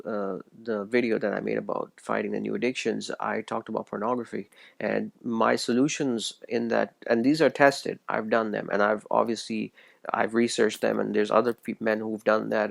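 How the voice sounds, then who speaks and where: A man delivers an earnest religious commentary straight to camera. His low voice has a gravelly fry, and the sound is dry and close. He tends to stumble and restart phrases as he presses his points. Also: steady tone, normal speed, dry recording. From Pakistan. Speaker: video essayist. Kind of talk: solo religious commentary monologue.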